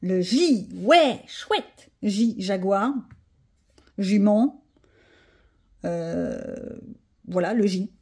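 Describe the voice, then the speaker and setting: A woman's voice: mid-range voice, very slow, pauses often, mellow, breathy edge. A woman chatting casually to her viewers while she colors, thinking aloud and joking about herself. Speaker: coloring vlogger.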